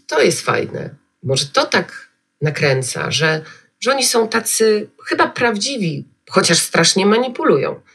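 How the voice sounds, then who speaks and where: A woman's voice: low voice, creaky, a bit bright, breathy edge. A woman being interviewed on a podcast, talking emotionally and hesitantly with many fillers. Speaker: guest.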